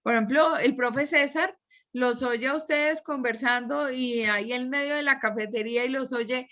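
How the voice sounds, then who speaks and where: Woman teacher, lecturing, fairly high voice, dull lo-fi call audio. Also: moderate pace, bright, forceful tone. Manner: explanatory, talks through examples at length. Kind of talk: online class lecture.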